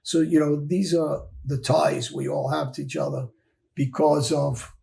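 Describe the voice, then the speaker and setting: Casting: man, very gravelly voice with a slightly raised pitch, blunt and emphatic storyteller in a sit-down interview. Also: fairly even intonation, unhurried, dark tone. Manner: blunt, emphatic, repeats phrases. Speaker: former mob enforcer guest.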